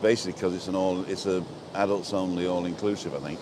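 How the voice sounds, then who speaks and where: A low-pitched English man talks quickly in a level tone while hosting a rambling, jokey live walking tour by the sea and fielding viewer questions. This travel vlogger, born in England and a former resident of Wales and abroad, is recorded amid noisy street and seafront sounds.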